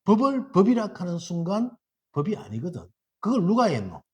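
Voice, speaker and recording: A man with a Gyeongsang accent giving a Buddhist sermon in a dharma hall, lively and quizzing his listeners with rhetorical questions. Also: high voice, moderate pace, breathy edge. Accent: Gyeongsang Korean.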